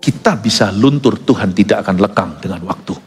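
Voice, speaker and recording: A male pastor preaching emphatically, mixing English phrases into his sermon and swinging from low asides to loud high peaks. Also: a little fast, slightly rough. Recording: long hall reverb with soft music behind.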